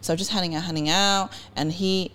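A young woman from Sweden with a lowish voice chats on a podcast. She tells her story animatedly, acting out the lines of others and laughing often. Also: fast. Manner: animated, laughs often, acts out quoted dialogue. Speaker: podcast co-host. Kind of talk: casual storytelling chat.

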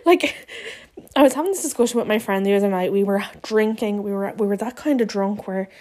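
A woman's voice: mid-range voice, brisk, dark tone. A young Irish woman with an Irish accent, talking frankly and swearing freely in a casual podcast rant, with many stops and restarts. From Ireland. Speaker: podcast host. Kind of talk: casual ranting monologue.

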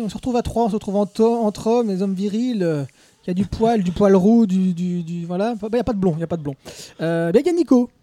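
A man hosting a podcast live from a café, joking around and filling pauses with "uh". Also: high voice, warm tone. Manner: joking, with many hesitant fillers. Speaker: podcast host. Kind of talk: casual podcast chat.

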